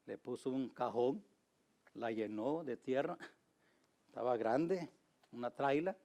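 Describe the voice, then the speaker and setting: Emphatic preacher, man. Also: slow pace. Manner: emphatic, repeats key phrases, tells anecdotes with light laughs; swings from loud, high exhortation to low, quiet asides. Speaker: pastor. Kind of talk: Spanish-language sermon.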